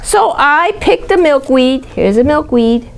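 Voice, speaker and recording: A woman with a high-pitched, creaky voice reads a picture book aloud to a young child at a slightly slow pace. She is expressive and animated, using simple child-directed phrasing and offering easy explanations, often repeating herself and asking questions along the way.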